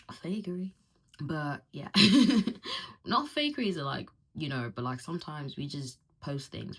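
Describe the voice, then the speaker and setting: A young woman talks through a casual vlog introduction, rambling and full of fillers. Her voice sits very low for a woman and has a husky, slightly breathy edge. She sounds relaxed and unpolished, like she is talking straight to her viewers. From Zimbabwe, raised in South Africa. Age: 20s. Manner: chatty, rambling, laughs often, lots of fillers. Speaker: vlogger.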